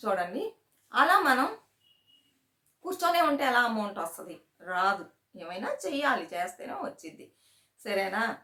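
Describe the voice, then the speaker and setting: A woman's voice: a little high, very animated, measured pace, long pauses, sharp tone. Woman, vlog host, casual chat, storytelling, check-in questions, echoey room. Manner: chatty, repeats "సరేనా?" to check in with viewers; storytelling, retells anecdotes with quoted dialogue. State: sweating in summer heat. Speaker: savings channel host.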